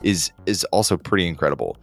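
A man co-hosting a casual podcast, animated and rambling, full of fillers. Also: sits low, quick pace, creaky, soft background music. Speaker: podcast co-host. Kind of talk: casual chat about game music.

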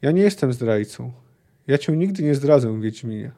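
Brief: earnest lovesick young knight confessing, voiced plainly by a male podcaster, soft warm tone. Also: medium pitch, lively intonation, normal speed, close to an everyday voice.

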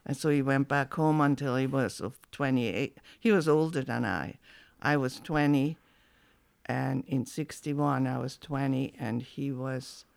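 A woman in her seventies reminiscing in an oral history interview, halting with many restarts. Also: rumbling low, creaky, no echo. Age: 70s.

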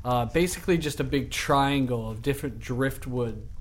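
A man narrating as game master of a tabletop role-playing game, describing scenes with a relaxed, laughing manner. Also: mid-range voice, moderate pace.

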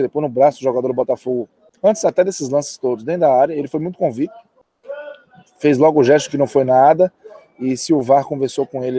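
A man's voice: mid-range voice, warm tone, dry recording. A man giving post-match football analysis from a stadium's stands, speaking emphatically and repeating key points.

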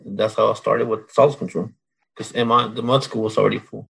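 Gravelly-voiced man from Mexico, plainspoken. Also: fairly low pitch, steady tone, fairly quick, fairly bright tone, low-quality recording. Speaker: guest, oilfield solids control worker. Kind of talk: casual interview.

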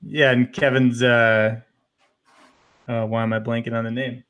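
A man from Wisconsin, hosting a casual podcast chat in a relaxed, rambling way. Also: mid-range voice, a little slow. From Bloomer, Wisconsin. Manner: relaxed, rambling, hesitant restarts. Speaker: podcast host.

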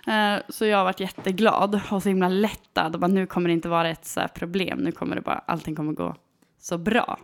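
A woman in her thirties telling a story in a casual, animated chat, with lots of fillers and hesitations. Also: on the low side, gravelly. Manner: animated, full of fillers, acts out quoted voices.

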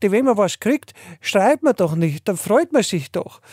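A man's voice: high-pitched, sing-song, moderate pace, a little mellow, slightly rough, no echo, studio quality, voice pushed up, heavily acted. A man playing a muddled, hesitant male customer who stammers through his answers. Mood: bumbling.

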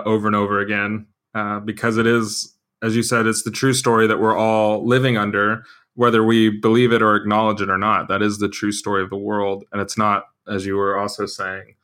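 A man hosting a podcast, talking in a relaxed, thoughtful way with fillers and restarts. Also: fairly low pitch, moderate pace. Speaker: podcast host. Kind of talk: casual podcast conversation.

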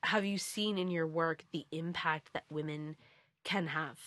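A woman hosts a podcast and puts her questions clearly and steadily. Her voice is slightly low. It is recorded close and dry. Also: steady tone, measured pace, a bit bright, no echo. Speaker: podcast host. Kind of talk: interview questions.

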